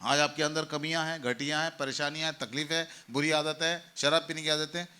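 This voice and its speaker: Male pastor preaching a sermon: bright, slightly high voice, calls the congregation to repeat after him. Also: fairly even intonation, brisk. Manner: call-and-response preaching, leads the congregation in repeating phrases. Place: church.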